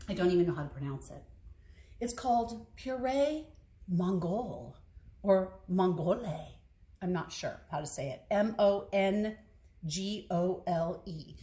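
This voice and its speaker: A woman's voice: medium pitch, a little hiss or hum. A woman taste-testing recipes in a casual kitchen vlog, chatty and frank with hesitant asides. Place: home kitchen. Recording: echoey kitchen, clinking dishes.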